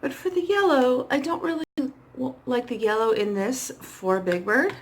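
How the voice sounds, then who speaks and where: A makeup vlogger, a middle-aged woman with a hoarse, creaky voice, chats casually to herself while working through a tutorial. Her voice sits high and her pace is normal. She's in a small indoor setup with a dark backdrop.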